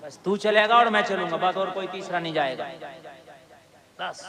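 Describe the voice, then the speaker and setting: A male preacher telling a religious story in a sermon, dropping to hushed asides and building to shouted climaxes. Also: high voice, normal speed. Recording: live gathering with crowd behind. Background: crowd.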